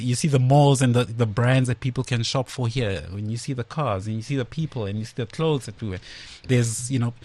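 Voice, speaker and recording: A man with a South African accent giving measured, hesitant answers as an interview guest. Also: mid-range voice, a little mellow, dry recording. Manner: hesitant, measured, searching for words.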